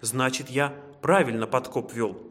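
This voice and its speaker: A man's voice: mid-range voice, unhurried, fairly bright tone, lightly acted. A man voicing a friendly, cheerful mole from under the ground, in an echoey room.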